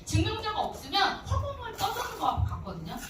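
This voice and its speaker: A woman's voice: very high voice, fairly quick, noisy background. A woman giving a motivational business lecture who often puts questions straight to her audience. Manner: animated, addresses audience directly with questions. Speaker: business seminar speaker. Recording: echoey hall from far off with music.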